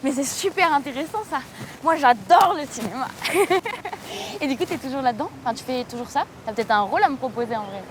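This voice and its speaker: A woman's voice: high voice, animated, a little fast. An actress in her twenties playing a brash, ambitious recruiter in a web drama, boastful and insistent in casual slang. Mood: eager, curious. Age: 20s. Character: brash, ambitious, self-assured young female recruiter. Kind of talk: naturalistic screen drama dialogue. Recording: clearly noisy location recording.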